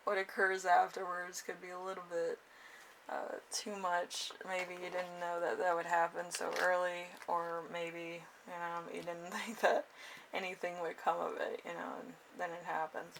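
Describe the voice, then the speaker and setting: Lowish, gravelly and fairly bright, her monotone voice moves at a moderate pace. She's a tarot card reader and channel host improvising a casual horoscope reading, hesitating, rambling and trailing off amid frequent chuckles. The sound comes from a distant microphone in a noisy room.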